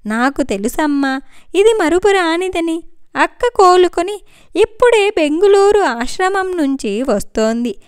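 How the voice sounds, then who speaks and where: A gentle young man comforting his mother, as a woman narrator puts him on, soothing and reassuring. He speaks lower than the storyteller's own voice. The recording is dry and close. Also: animated, measured pace, dry recording. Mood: consoling. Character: young adult son, gentle and consoling.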